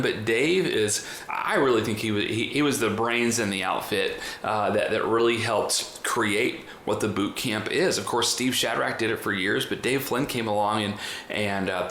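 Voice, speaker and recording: A man who is a podcast host and trainer, with a lowish, fairly bright voice, conducts a conversational podcast interview in a chatty, wordy way. He is in an indoor room in the US, and the recording has a roomy echo and faint background noise.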